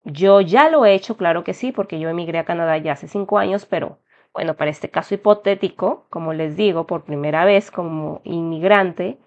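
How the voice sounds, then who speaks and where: A woman's voice: fairly low pitch, fairly quick, darkish tone. Peruvian woman explaining a form step by step. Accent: Peruvian Spanish. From Peru. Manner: explanatory, addresses viewers as "chicos". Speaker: immigration tutorial host. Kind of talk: step-by-step tutorial narration. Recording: slightly dull lo-fi sound.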